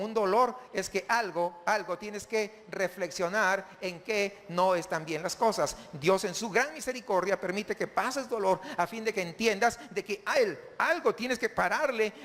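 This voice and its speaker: A man's voice: high voice, a bit bright, in a large hall. A man preaching a sermon as pastor, often asking the congregation questions.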